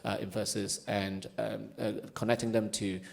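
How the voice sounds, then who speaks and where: A man's voice: lowish voice, flat delivery, moderate pace, vocal fry. A man speaking as a conference panelist in a hesitant way, with many fillers. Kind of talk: panel discussion.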